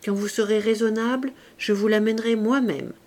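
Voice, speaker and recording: A woman reading the lines of a calm, firm male doctor in her own measured voice. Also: fairly high pitch, natural voice.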